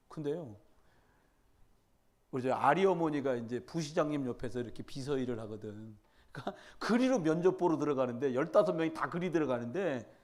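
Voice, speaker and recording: A male pastor preaching a midweek church sermon, swinging between loud exhortation and quiet storytelling, and often putting questions straight to the congregation. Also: fairly high pitch. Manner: conversational, addresses congregation directly with questions.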